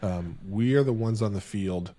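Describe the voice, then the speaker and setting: A man's voice: on the low side, moderate pace, mellow. Earnest, reflective male podcast co-host. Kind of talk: casual podcast chat. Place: home office.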